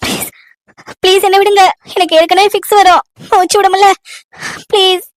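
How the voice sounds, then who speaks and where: Woman playing a young wife begging to be let go, high and breathless, dry close sound. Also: little pitch movement, quick pace, sharp tone, dry recording. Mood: pleading. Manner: desperate, begging. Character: young daughter-in-law pleading, choking, breathless.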